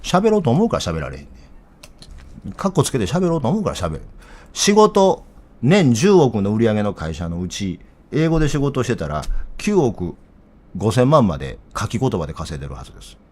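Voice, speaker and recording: A middle-aged man with a strong Kansai accent delivers political commentary. He talks bluntly and heatedly, with a very lively, swinging pitch. He sounds rough-spoken and unpolished, as if chatting with regular viewers. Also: brisk.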